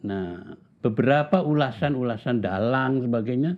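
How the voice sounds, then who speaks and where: A man in his seventies telling stories from his life in a slow, reflective way, pausing often and repeating words for emphasis. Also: mid-range voice. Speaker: interviewee. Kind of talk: reflective storytelling in conversation. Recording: tinny phone-like sound.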